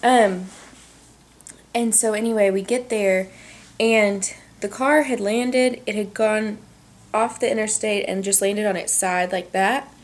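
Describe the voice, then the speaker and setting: A young adult woman vlogger telling a story in a casual, animated way, full of "like"s, recorded at home on a camcorder. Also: medium pitch, unhurried. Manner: animated, chatty, many "like"s. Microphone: camcorder on tripod.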